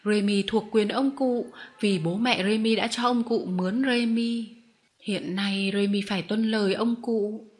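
A woman voicing a kind, gracious noblewoman who speaks softly and reasons patiently, in an audiobook reading. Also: mid-range voice, fairly even intonation, a little slow, natural voice. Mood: gentle. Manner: soft, reasoning, kindly. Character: gentle, gracious noblewoman, a mother.

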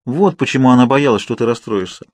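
A man voicing a stubborn young woman in a hospital bed, talking back with quiet defiance. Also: medium pitch, fast talker, dry recording, pitched above the performer's own voice, close to an everyday voice. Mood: defiant.

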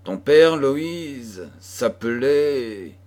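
A grieving mother weighed down by a dark secret, speaking gravely and with sorrow in a storybook reading, as a man voices her in his own low voice. Her words come slowly and heavily. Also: big pitch swings, exaggerated voice.

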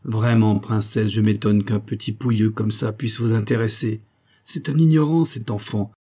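A man's voice: on the low side, steady tone, moderate pace, mellow, close to an everyday voice. A man voicing a stout, mocking middle-aged male interpreter in a storybook reading, scornful and jovial.

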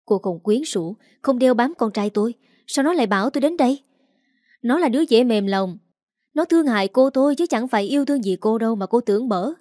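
A woman voicing a scornful middle-aged stepmother, a teacher, who scolds in a haughty, shrill way. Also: expressive, fairly quick, darkish tone, no room sound, clean studio sound, close to an everyday voice.

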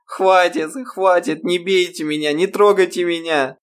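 A man voicing a frightened, tearful teenage schoolgirl in an audiobook, pleading in a high, sobbing voice. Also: animated, moderate pace, a bit bright.

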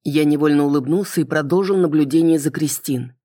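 An audiobook reader giving calm first-person fantasy narration. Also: medium pitch, brisk, no room sound, studio quality.

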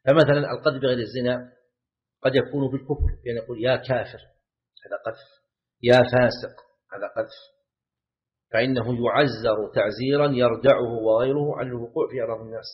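Male religious teacher, mid-pitched voice, explanatory lecture with repeated words and questions, dull lo-fi recording. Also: fairly even intonation, quick pace, pauses often. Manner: repeats key words, asks the class questions. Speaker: Islamic scholar teaching a class. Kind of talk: lecture commentary on a legal text.

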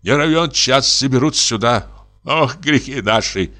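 A man's voice: medium pitch, expressive, unhurried, bright, forceful tone, pitched above the performer's own voice. A man reading an audiobook, voicing an old, frightened, pious forester who whines plaintively. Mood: fearful whine. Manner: whining, plaintive.

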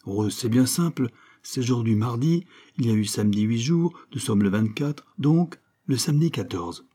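A man's voice: medium pitch, lively intonation, moderate pace, dark tone, natural voice. A man voicing a naive, proud reformed brigand in an audiobook, speaking in slangy, folksy working-class talk.

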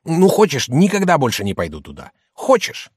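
A man's voice: on the high side, huge pitch swings, moderate pace, a little mellow, no room sound, clean studio sound, exaggerated voice. A man reading an audiobook, voicing a middle-aged shopkeeper who wheedles and then bullies his wife. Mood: placating. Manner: gruff, by turns placating and bullying. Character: rough, boastful male shopkeeper, middle-aged, blustering.

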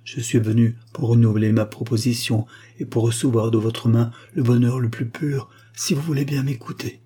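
A man's voice: medium pitch, level tone, normal speed, dark tone, husky, natural voice. A man voicing an ardent young nobleman who pleads urgently and insistently. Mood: pleading. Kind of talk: audiobook character voice.

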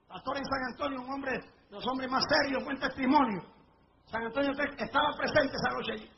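A middle-aged male evangelist with a strikingly high voice delivers a fervent revival sermon to a live congregation. He tells his testimonies dramatically and builds to shouts at the peaks. The recording sounds dull and lo-fi, with a faint hiss behind him. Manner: fervent storytelling, rising to shouts at climaxes. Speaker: evangelist preacher. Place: church or revival meeting before a live congregation.

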